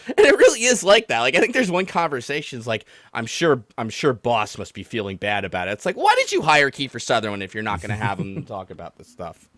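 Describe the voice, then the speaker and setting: A podcast and livestream host who takes callers rants about a game on his stream, talking a little fast in a mid-range voice. He comes across as exasperated and animated, rambling casually, swearing, and mimicking others in mock quotes. There's no echo.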